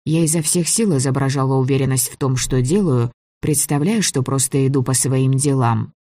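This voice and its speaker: An audiobook reader narrating a first-person fantasy story in an even, measured way. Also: medium pitch, dry recording.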